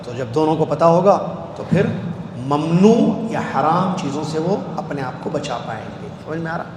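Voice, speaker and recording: A man's voice: on the high side, animated, darkish tone. A man teaching a classroom lecture, asking his students questions and answering them himself, repeating key words. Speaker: Islamic studies teacher. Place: lecture hall. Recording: echoey hall with faint background noise.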